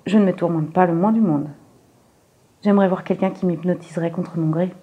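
A woman's voice: on the low side, steady tone, fairly quick, narrow, tinny audio, lightly acted. Lady Astwell, a woman reading a blunt skeptical old lady. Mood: scoffing. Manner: plain-spoken and matter-of-fact. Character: blunt, good-humoured, skeptical older English lady.

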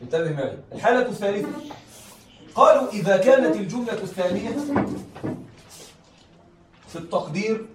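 Fast high-voiced male teacher in echoey room. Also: animated. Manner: keeps checking that students follow, repeats key phrases. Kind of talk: classroom lesson on Arabic rhetoric. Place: classroom with students. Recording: echoey room, heard from a distance, faint noise.

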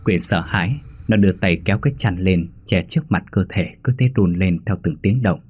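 A man narrating a horror story in a measured, ominous reading. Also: sits low, darkish tone, slightly rough. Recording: faint background music.

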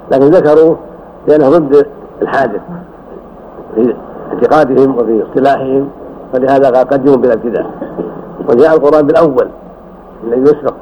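An older man teaching as a sheikh, explaining a creed text slowly and correcting his student's reading with frequent "yes". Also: medium pitch. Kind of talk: classroom commentary on a text. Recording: dull old recording with faint hiss.

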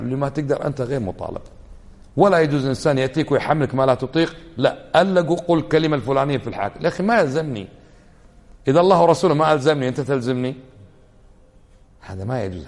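Fast-talking man in reverberant hall. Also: mid-range voice, darkish tone. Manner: argumentative, rhetorical questions. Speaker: Islamic scholar. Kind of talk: religious lesson.

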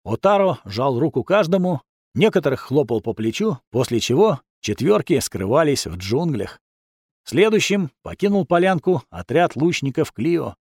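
A man's voice: fairly high pitch, sing-song, normal speed, a little mellow, husky, no room sound, studio quality. A man narrating a first-person fantasy audiobook in a wry, sardonic manner.

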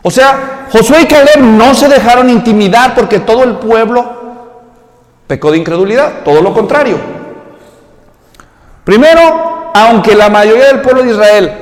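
Pastor guy preaching, high voice, jokey and animated, big echoey church sound. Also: moderate pace, pauses often. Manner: animated, acts out quotes in raised voice; humorous storytelling asides. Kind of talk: sermon. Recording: echoey hall reverb.

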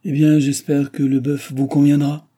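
A fussy, ill-tempered gentleman grumbles over his dinner, voiced by a man reading aloud. His raised, peevish complaints come through a dark, husky storybook voice. He nags and scolds in an indignant manner. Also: a little high, completely flat delivery, moderate pace, pitched above the performer's own voice. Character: fussy complaining gentleman, middle-aged husband.

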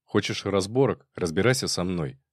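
A man's voice: sits low, animated, moderate pace, dry recording, clean studio sound. A man voicing a big, brash male investigator who is drunk and taunts his rival coarsely. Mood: taunting.

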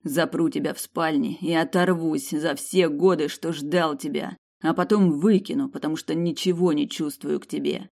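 A woman's voice: sits low, fairly even intonation, moderate pace, vocal fry, few pauses, darkish tone. A woman voicing a cold, menacing male mercenary in an audiobook, with clipped speech. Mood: threatening. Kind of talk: audiobook character reading.

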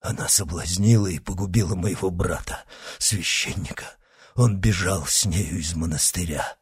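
A man voicing a dying executioner, husky and desperate. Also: low voice, normal speed, dry recording. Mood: confessing. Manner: desperate, broken pleading. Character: dying guilt-stricken male executioner, pleading.

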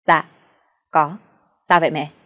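Lady doing a young guy dodging questions, subdued and low. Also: steady tone, a little slow, pushed and bright. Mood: uneasy. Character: young husband, evasive and uneasy.

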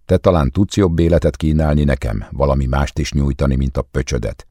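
A man with a very deep, husky voice voicing a defiant young woman who answers bitterly in an audiobook. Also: dark tone, dry recording, clean studio sound.

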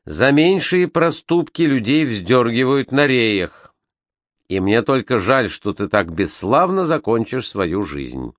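A man voicing a stern male ship's secretary who speaks slowly, gravely and reproachfully in a storybook reading. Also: medium pitch, very animated, no echo, clean studio sound. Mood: sorrowful.

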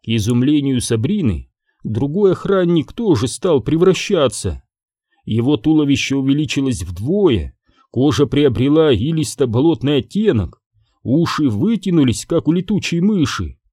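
A man reading a fantasy storybook aloud, with an expressive, lively delivery. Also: medium pitch, moderate pace, husky, no echo, clean studio sound. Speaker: audiobook reader. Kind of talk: storybook narration.

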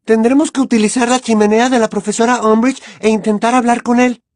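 A woman's voice: fairly high pitch, fairly even intonation, brisk, darkish tone, no room sound, studio quality, lightly acted. A woman voicing a clever, anxious teenage girl witch who talks with urgent earnestness. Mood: urgent, pleading.

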